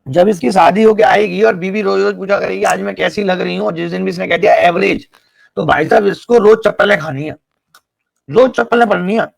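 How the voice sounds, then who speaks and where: A man's voice: high-pitched, brisk, gravelly, no room sound. A man teaching a live online math class, explaining each step and teasing his students with jokes.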